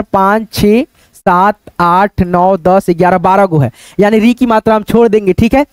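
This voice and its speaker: Man teaching letters, really high smooth voice, patient and repetitive. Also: a little mellow, no echo. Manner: repetitive and patient, keeps calling out to friends and asking check questions. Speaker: online Hindi teacher. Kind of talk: teaching at a board, explaining step by step.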